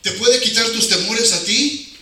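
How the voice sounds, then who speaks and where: With an extremely high pitch and a sharp tone, this Mexican-accented man preaches at a measured pace. His informal sermon uses colloquial wording, rhetorical questions and repeated phrases for emphasis. Recorded from a distance in a very echoey hall, the audio is noisy.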